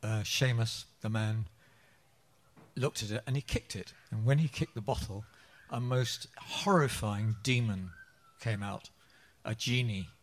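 A man telling a joke as a story, unhurried, with pauses and fillers. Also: on the low side. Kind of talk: anecdotal joke-telling in English.

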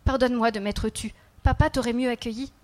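Woman playing a serene little boy spirit, soft and a bit high. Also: steady tone, a little fast, lightly acted. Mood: gentle. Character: small otherworldly boy child, calm and gentle.

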